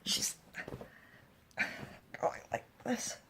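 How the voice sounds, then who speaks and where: A woman telling a fantasy story aloud in an animated way, often dropping to a whisper. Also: extremely slow, slight background noise. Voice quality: husky and breathy.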